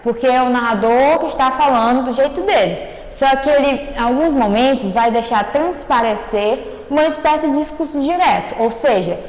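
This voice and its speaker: A woman's voice: high-pitched, normal speed, hardly any pauses, a little mellow. A woman teaching a writing lesson to schoolchildren, patiently checking that they follow with frequent "ok?" and "né?". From Brazil. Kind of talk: recorded online class. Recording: echoey room, long reverb.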